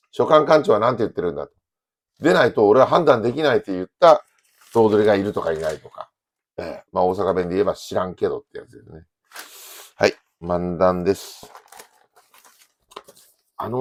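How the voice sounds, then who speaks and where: An older man with a Kansai accent talks over the economic news in a loose, joking way. His voice sits low but swings widely in pitch, and he drops in playful asides as he goes. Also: darkish tone. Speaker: economic commentator. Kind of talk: casual news commentary.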